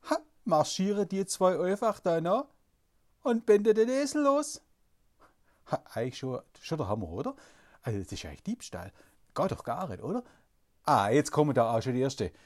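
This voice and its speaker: A storyteller tells a Bible story as an eyewitness, stammering with excitement and asking question after question. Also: medium pitch. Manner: excited, stammering, asks many wondering questions.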